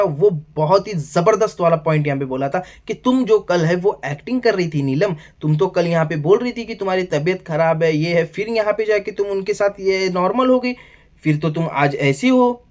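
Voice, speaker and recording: A man giving a casual video review of a TV show, excitable and calling the listener "brother" again and again. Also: sits high, moderate pace. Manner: excitable, addresses listener as "bhai" constantly.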